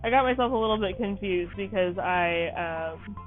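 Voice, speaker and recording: A woman's voice: mid-range voice, moderate pace. Tired woman, rambling game commentary, apologetic, chatty, tinny phone-like sound, faint music behind. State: tired, yawning. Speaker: gaming channel host. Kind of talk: casual let's-play commentary.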